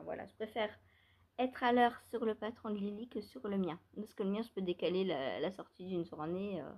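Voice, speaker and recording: A woman's voice: mid-range voice, darkish tone. Chatty hesitant woman knitting vlogger. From France. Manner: rambling, hesitant, many fillers and restarts, small laughs. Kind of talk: casual chat.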